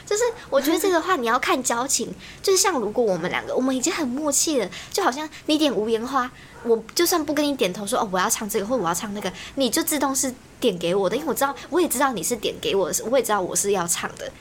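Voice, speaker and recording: A young woman rants with quick, bouncy speech, her high voice swooping up and down. She laughs often, and a faint hiss sits under the recording. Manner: animated, ranting, laughs often. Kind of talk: casual chat.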